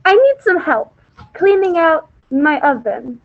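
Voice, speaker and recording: A woman's voice: high-pitched, very animated, measured pace, full character voice. Woman playing a crotchety old witch, thin phone-like sound. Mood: sly coaxing. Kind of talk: comic children's fairy-tale play. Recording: thin, phone-like call audio.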